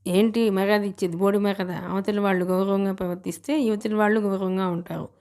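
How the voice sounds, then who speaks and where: A woman voicing a proud, sharp-tongued young bride in an audiobook, with scolding lines. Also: mid-range voice, fairly even intonation, fairly quick, lightly acted.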